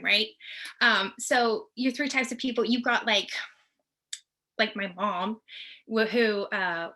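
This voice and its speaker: A woman's voice: medium pitch, pushed and bright. A middle-aged woman from the US Tornado Alley region gives a chatty, reassuring presentation from her home office over a video call, checking in with her listeners as she goes. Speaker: team member presenting.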